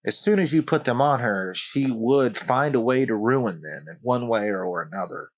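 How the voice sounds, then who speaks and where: A channel host tells a strange true story for his own channel, speaking at an ordinary middle pitch and normal speed with lively intonation. His delivery is loose and conversational, with occasional wry asides aimed right at the listener.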